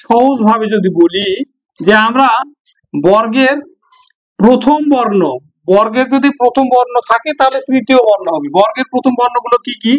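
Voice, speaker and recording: A man's voice: very high voice, moderate pace, rough recording. A man with a Bangladeshi Bengali accent teaching an exam-prep grammar lesson, going step by step, repeating examples and answering his own questions.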